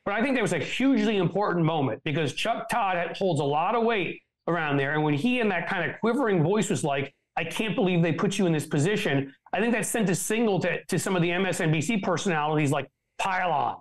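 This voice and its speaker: A man's voice: high voice, animated, quick pace, hardly any pauses, low-quality recording. A middle-aged man, a political strategist on a show, talking in a blunt, profane, joking way in casual political chat.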